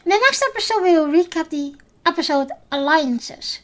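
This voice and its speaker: Hosting her solo podcast recap, a woman who speaks Dutch natively talks with a Dutch accent in a very high-pitched, animated, fairly bright voice. She takes her time and hesitates, with frequent ums and restarts.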